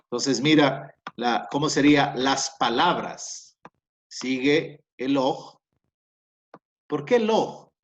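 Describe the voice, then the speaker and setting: A man's voice: mid-range voice, slow pace, highs cut off. A man teaching a recorded Greek grammar lesson in Spanish, explaining patiently, repeating key points and correcting himself with frequent fillers. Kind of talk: recorded class lecture.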